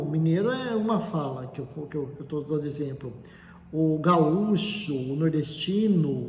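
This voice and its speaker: A man's voice: sits high, dark tone. A man, lecturing as a teacher. He explains step by step, lists examples and keeps checking in with short tag questions. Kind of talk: classroom lecture on language. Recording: echoey room with long reverb.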